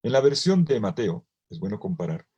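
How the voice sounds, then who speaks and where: A priest preaching a sermon at a virtual retreat, acting out the quoted lines with dramatic emphasis. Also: male voice, lowish voice, very animated, fairly quick, warm tone, dull audio, a little hiss or hum.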